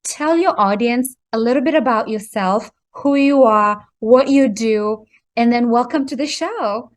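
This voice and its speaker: A woman's voice: a little high, a little slow. Effusive woman hosting an interview show. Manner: effusive, exclaims often. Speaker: host. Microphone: video call.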